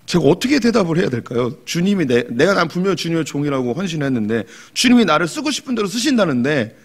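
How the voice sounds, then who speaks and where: A male pastor preaches in a chatty, self-deprecating storytelling style, dotted with fillers. His voice sits slightly high and is gravelly, with a husky grain. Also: big pitch swings, fast talker. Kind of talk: sermon.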